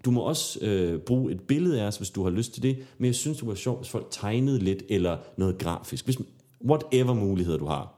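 A man's voice: lowish voice, expressive, warm tone. A man with a Danish accent co-hosting a casual podcast, talking in an informal, candid, rambling and sometimes sweary way. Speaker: podcast co-host.

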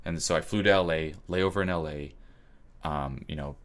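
A man's voice: extremely low pitch, moderate pace. A man from Switzerland giving a blunt, emphatic motivational webinar talk, swearing freely and often checking in with "okay?".

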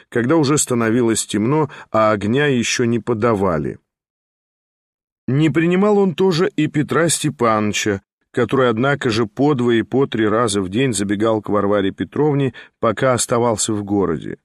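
A male audiobook reader narrates at an even, measured pace in a mid-pitched voice. The recording is dry and close, with no room sound. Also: dry recording. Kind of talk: scripted narration.

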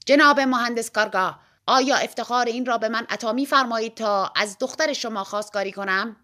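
A woman's voice: on the high side, animated, a bit bright, voice pushed up. A woman doing a tiny, showy joker of a man. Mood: boastful. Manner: theatrical, mock-solemn. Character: tiny jesting male engineer, showy and playful.

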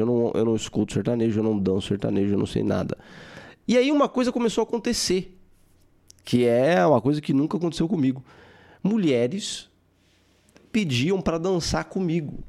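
A young man hosting a podcast, telling a personal story in a casual, animated way with some swearing. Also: mid-range voice. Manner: animated, swearing, acts out his own quotes. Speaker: podcast host.

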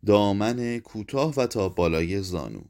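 A man narrating a literary short story in a measured, even reading voice. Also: on the low side. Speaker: audiobook narrator. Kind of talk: scripted narration.

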